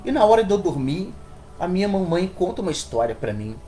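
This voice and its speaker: A man voicing a seven-year-old boy who softly pleads with his father in a sermon story. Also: high voice, big pitch swings, brisk, faint music behind. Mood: pleading.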